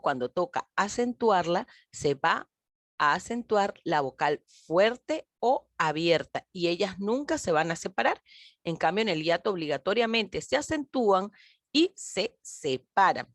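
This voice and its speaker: A woman teacher giving a recorded grammar lesson, speaking slowly and emphatically, stretching key words and addressing her pupils directly. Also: on the low side, no room sound.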